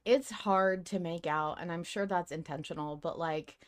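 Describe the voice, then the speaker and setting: A woman hosts a podcast fan discussion, speaking casually but in an animated, excitable way and acting out her reactions. Her voice sits on the low side, at a moderate pace.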